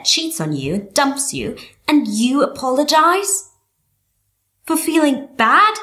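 A woman's voice: mid-range voice, a bit bright, close to an everyday voice. An actress playing a sardonic, protective young woman in an audio drama, delivering an escalating, emphatic comedy rant full of swearing. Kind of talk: scripted audio drama dialogue.

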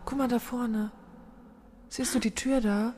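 A woman's voice: a little high, fairly even intonation, a little slow, warm tone. A woman co-hosting a comedy audio-drama skit, playful and teasing. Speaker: co-host. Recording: noisy room recording.

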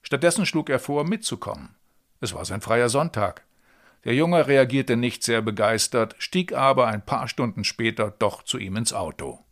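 A man reading a German translation of a novel excerpt in a calm, measured literary style. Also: mid-range voice.

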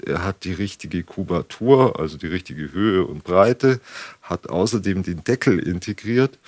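A man's voice: sits low, darkish tone. A man giving practical explanations in conversation as an energy consultant. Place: on location in a home kitchen.

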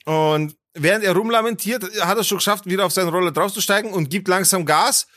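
A man's voice: high voice, quick pace, no room sound, clean studio sound. A man telling a story on a casual podcast, acting out the people in it with big jumps in his voice. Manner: animated, acts out quotes with big voice jumps. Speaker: podcast host.

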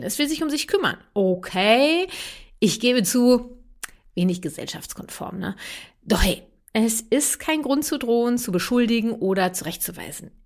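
Chatty woman podcast host. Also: medium pitch. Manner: chatty, adds tag questions. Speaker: podcast host and parenting coach. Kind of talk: casual podcast monologue.

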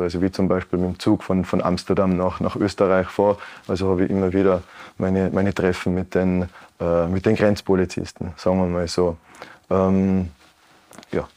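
A man in his late thirties from Tyrol with a Tyrolean Austrian accent, answering earnestly and thoughtfully in an interview, with many pauses and restarts. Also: low-pitched, flat delivery, darkish tone. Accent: Tyrolean Austrian German. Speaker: guest, Anne Frank House educator. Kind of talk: broadcast interview.

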